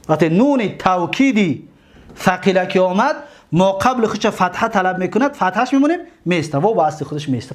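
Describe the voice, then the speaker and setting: A high-pitched man with a Tajik-accented Persian voice leads a grammar class. He recites each verb form slowly, stretching the words out. He often pauses to ask whether his listeners are following. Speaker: Arabic morphology teacher.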